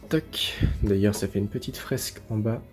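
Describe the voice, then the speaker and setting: A man hosting his own video, chatting casually and showing off his collection, relaxed and full of hesitations and fillers. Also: on the low side, normal speed, soft background music. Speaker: manga collection video host.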